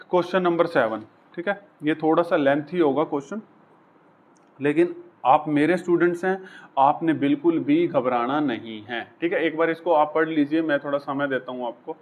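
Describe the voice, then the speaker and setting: A man teaching maths at a whiteboard, chatty and coaxing, talking through each step. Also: a little high. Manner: chatty, coaxing, voices the equations as characters.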